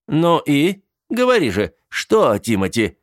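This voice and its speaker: A man's voice: medium pitch, sing-song, measured pace, pitched above the performer's own voice. A man voicing a bearded uncle from a vampire family, hearty and demanding. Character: bearded older vampire uncle, brusque and jovial.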